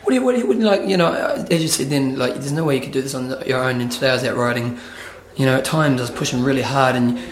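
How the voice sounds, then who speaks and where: A male interviewer chats informally and matily. He speaks at a rapid pace in a mid-range voice. The sound is roomy, with noticeable echo. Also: mid-range voice, slight background noise. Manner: blokey and informal, calls people mate. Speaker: interviewer at a triathlon training camp. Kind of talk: casual, chatty interview.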